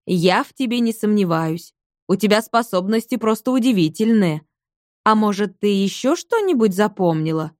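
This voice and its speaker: A woman voicing a patient, persistent middle-aged police major who questions witnesses in a measured way. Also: medium pitch, lively intonation, darkish tone, no echo, studio quality, close to an everyday voice. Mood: questioning.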